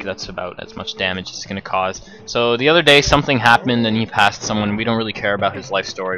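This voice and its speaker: A man's voice: lowish voice, bright, forceful tone, poor audio. A man giving casual let's play commentary, rambling and chatty, self-deprecating. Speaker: gameplay commentator.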